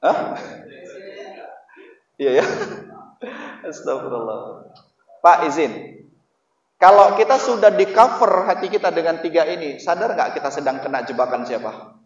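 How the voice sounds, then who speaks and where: A man's voice: a little high, a little slow, pauses often. A man preaching an Islamic sermon, often putting questions to his listeners. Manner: lively, asks the audience questions often. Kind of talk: Islamic sermon to a male audience. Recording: echoey hall, distant mic, dull lo-fi sound.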